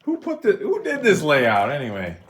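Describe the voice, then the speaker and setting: A man's voice: a little high, huge pitch swings, moderate pace, a bit bright. A middle-aged man narrating his cabin building in a casual, folksy, self-mocking way. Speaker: vlogger building a log cabin. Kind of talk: casual narration while working. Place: outdoor building site.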